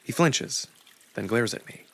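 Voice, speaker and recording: A man with a medium-pitched voice and some vocal fry reads a visual novel aloud as narrator, telling the story in an expressive, deliberate first-person style.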